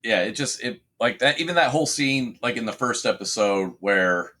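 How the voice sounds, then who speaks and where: Podcast guy, husky bright voice, rambly and sweary, keeps restarting. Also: mid-range voice, expressive, moderate pace. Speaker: podcast co-host. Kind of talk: casual chat.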